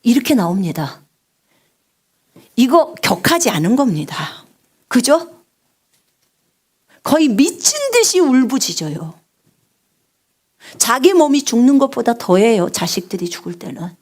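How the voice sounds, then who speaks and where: Impassioned woman preacher, lively pitch. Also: unhurried, pauses often, breathy edge. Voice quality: big resonant voice, trained singer. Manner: impassioned, swings from loud cries to hushed whispers; asks the congregation questions and answers them. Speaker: missionary preacher. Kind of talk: live sermon on intercessory prayer.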